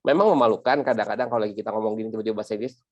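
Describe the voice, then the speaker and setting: Fast-talking chatty male host. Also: lowish voice, dry recording, dull audio. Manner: chatty, storytelling with quoted asides. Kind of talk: casual chat.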